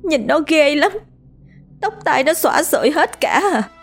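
A woman's voice: high-pitched, lively intonation, measured pace, gravelly, soft background music, pitched above the performer's own voice, heavily acted. Woman doing a terrified, sobbing young woman. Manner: panicked, sobbing, pleading.

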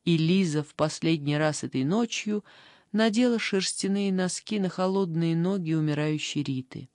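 A woman reading a fairy tale aloud as a calm, even audiobook narrator. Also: on the low side, moderate pace, no room sound, studio quality. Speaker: audiobook reader. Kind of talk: scripted narration.

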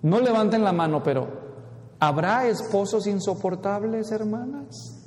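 Pastor preaching, high voice, long church reverb, asks the room questions. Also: male voice, measured pace, darkish tone. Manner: asks the congregation questions, varies his pace widely. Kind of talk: sermon. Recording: echoey hall with long reverb.

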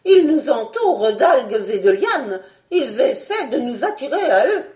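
Woman reading excitable male scientist, high-pitched shouts, urgent, commanding, audiobook. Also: unhurried, reverberant. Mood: alarmed. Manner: loud, urgent exclamations.

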